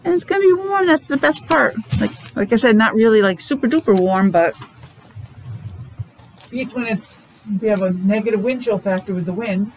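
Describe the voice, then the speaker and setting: At normal speed and on the high side, a middle-aged woman animatedly leads preschoolers through a morning meeting, asking questions in simple, sing-song speech. A face mask muffles her a little. She's recorded in a noisy classroom by a device microphone held about arm's length away.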